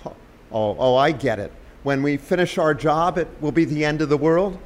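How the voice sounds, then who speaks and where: Guy doing a gruff tired american guy, dry and skeptical, kinda high voice. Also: moderate pace, lightly acted. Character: gruff, weary young American man, skeptical.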